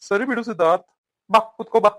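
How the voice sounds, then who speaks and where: A man's voice: high voice, fast talker, fairly bright tone, dry recording. A man voicing a caring young elder brother who consoles and questions his sibling in a cartoon story. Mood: calm. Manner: concerned, soothing.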